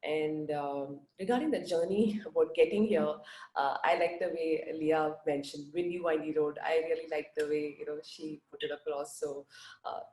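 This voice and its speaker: A woman's voice: deep voice, fairly even intonation, moderate pace, darkish tone, echoey room, poor audio. A woman from India speaking on an online panel over a video call, with a groggy early-morning voice and many "you know" fillers.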